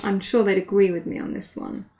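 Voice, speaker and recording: A woman's voice: mid-range voice, steady tone, a little fast, gravelly, mellow. A woman, giving casual, chatty commentary on a card game match and laughing often. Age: 20s.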